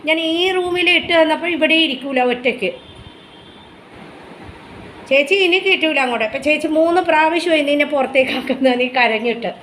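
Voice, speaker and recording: High-voiced doting Malayali woman. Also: brisk, fairly bright tone. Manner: doting baby talk mixed with chatty asides. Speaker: vlogger showing her pet dog. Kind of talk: casual home vlog, cooing to her dog. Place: home, kitchen area. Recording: echoey home room with faint background noise.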